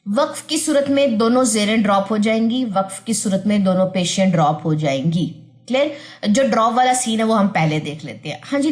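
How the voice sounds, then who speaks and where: Woman teacher giving a patient, repetitive recitation lesson, with slow careful demonstrations of letter sounds. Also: mid-range voice, a little mellow. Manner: patient, repeats points and checks understanding with "theek hai?". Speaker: Quran tajweed teacher. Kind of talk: online tajweed lesson.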